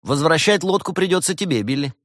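A brash young man needling his friend, as a narrator acts him out, raised in pitch and swagger. The delivery is mocking and sure of itself, with a lively lilt. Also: fairly quick, dry recording, clean studio sound. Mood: teasing. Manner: cocky, mocking.

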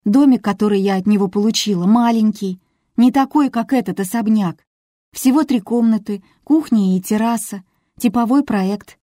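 A woman's voice: medium pitch, normal speed, dark tone, no room sound, studio quality, natural voice. A woman reading as a hurt young woman who pleads her case in a raised, earnest voice. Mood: defensive.

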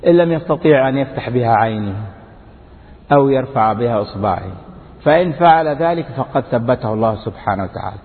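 A man preaching a fervent sermon to a large crowd, his voice climbing to high, emphatic peaks. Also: lively intonation, fast talker. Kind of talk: impassioned sermon. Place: large lecture hall before a crowd. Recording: tinny phone-like sound with long hall reverb.

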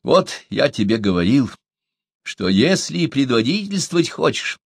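A man's voice: mid-range voice, sing-song, normal speed, creaky, breathy edge, no echo, clean studio sound, pitched above the performer's own voice, heavily acted. A man voicing a know-it-all villager who lectures and scolds. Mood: lecturing.

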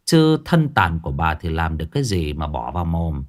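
A man's voice: very deep voice, big pitch swings, brisk. Male ghost story narrator.

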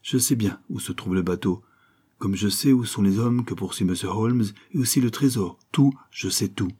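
A man's voice: on the low side, normal speed, dark tone, breathy edge. A man voicing a stubborn, wheezing old male sailor in an audiobook reading. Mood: grumpy stubborn. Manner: grumbling, obstinate.

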